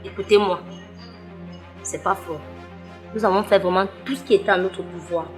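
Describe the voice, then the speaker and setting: A woman playing a calm nurse who breaks bad news gently in a comedy skit. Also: medium pitch, soft background music, lightly acted. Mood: solemn. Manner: calm, measured, consoling. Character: calm hospital nurse, adult woman, soothing.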